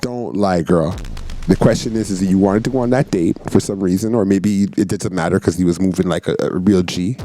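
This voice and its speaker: A man's voice: low-pitched, a little fast, dark tone, faint music behind. A man hosting a reaction video, commenting casually on clips with jokes and slang. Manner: joking, laughing, slangy.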